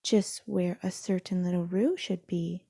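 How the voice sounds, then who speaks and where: A woman voicing a gentle, indulgent mother kangaroo in a storybook, soft, tender and measured. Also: lowish voice, steady tone, creaky, breathy edge, dry recording, studio quality, exaggerated voice. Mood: tender, firm. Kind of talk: storybook read-aloud.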